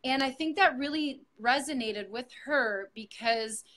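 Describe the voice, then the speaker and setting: A woman's voice: sits high, unhurried, fairly bright tone. A middle-aged woman, a yoga teacher, speaking earnestly and reflectively in an interview, with frequent fillers and restarts. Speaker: yoga teacher sharing her story with her coach. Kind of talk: heartfelt interview testimonial.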